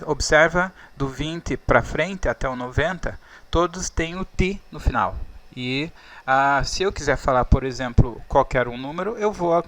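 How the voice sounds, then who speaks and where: A man's voice: medium pitch, a bit bright. A Brazilian man, a native Portuguese speaker, teaching English numbers in a patient, explaining way over slides. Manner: patient, checks in with "tá?" and "ó".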